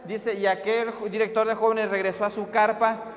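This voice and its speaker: A Mexican man with a high, light voice preaches and tells a story, slipping into the voices of the people in it. The sound carries a long hall reverb from the church around him. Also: little pitch movement, moderate pace, slight background noise. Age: adult, father of a daughter. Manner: retells a story, acting out the quoted speech. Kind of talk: storytelling sermon.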